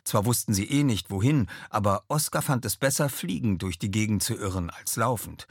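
A male audiobook narrator tells a fantasy adventure in a low, somewhat husky voice. His delivery is expressive, with a wide, animated pitch range. It is a dry, close studio sound with no room around it. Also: no echo. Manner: expressive storytelling, slips into character voices. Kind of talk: scripted narration.

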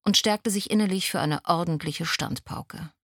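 A woman reading a novel aloud as an audiobook narrator, in calm, even storytelling. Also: fairly low pitch, normal speed, slightly rough, no room sound, studio quality. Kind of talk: scripted narration.

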